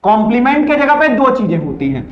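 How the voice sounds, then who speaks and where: A man's voice: very high voice, big pitch swings, fast talker. A man teaching an English grammar lesson in Hindi, who asks the class a question and answers it himself, repeating each point. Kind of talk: Hindi-language grammar lecture. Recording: echoey, dull lo-fi room sound.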